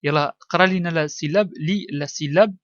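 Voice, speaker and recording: A Moroccan-accented man, a primary school teacher, gives a child a one-on-one reading test, patiently coaxing, saying words slowly and blending French with Arabic. His voice is a little high, and the recording is dull, dry and lo-fi.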